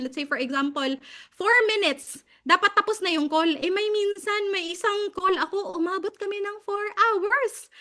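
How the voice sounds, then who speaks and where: Bright high-voiced Filipino woman storyteller. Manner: animated, laughs often, mixes Tagalog and English. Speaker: guest speaker. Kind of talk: casual storytelling talk.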